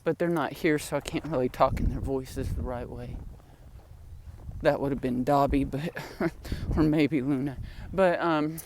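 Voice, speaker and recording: A woman's voice: extremely low pitch, unhurried, a little mellow, slight background noise. Chatty older woman rambling outdoors. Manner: chatty, laughing, sighing asides. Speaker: vlogger. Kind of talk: rambling personal storytelling. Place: outdoors in wind, walking home with groceries.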